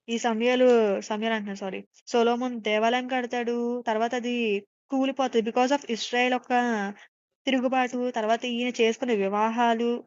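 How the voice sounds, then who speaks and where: A woman's voice: a little high, dry recording, muffled recording. A woman evangelist preaching a sermon, asking rhetorical questions and mixing in English words.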